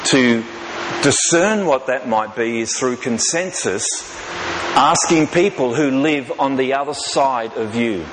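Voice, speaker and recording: A man, preaching a sermon in a folksy, self-deprecating way, slowing down to repeat key lines for emphasis. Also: medium pitch. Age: 50s. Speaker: pastor. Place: large church hall. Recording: reverberant hall with background noise.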